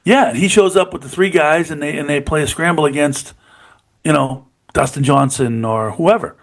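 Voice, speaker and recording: A man's voice: fairly high pitch, normal speed. A middle-aged man co-hosting a podcast, chatting casually and enthusiastically about golf, often saying "you know what I mean". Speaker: podcast co-host. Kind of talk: casual sports chat.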